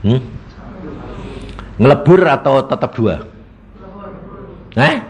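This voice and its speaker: Male evangelist, slow and lively, keeps throwing questions at the congregation. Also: mid-range voice. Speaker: evangelist preacher. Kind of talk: sermon.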